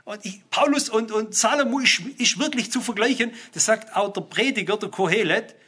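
A man's voice: sits high, moderate pace, pushed and bright, husky. An older man preaching a sermon, talking straight to his listeners and rising to emphatic exclamations. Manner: emphatic, rising to exclamations, addresses the congregation directly.

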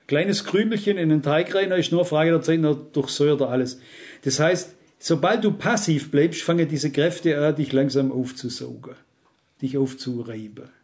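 A man preaching a sermon in an earnest, emphatic way. His voice sits a little higher than most men's. He keeps checking in with his listeners through direct questions. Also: moderate pace, a little mellow. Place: church service.

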